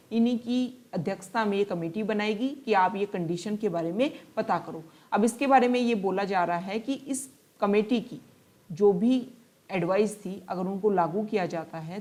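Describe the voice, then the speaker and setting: Woman tutor, mid-pitched, newspaper analysis lesson: slow read-outs in English, patient explanations in Hindi. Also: warm tone. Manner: reads English passages slowly, then explains in Hindi; explanatory, repeats and rephrases points. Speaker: exam-prep tutor.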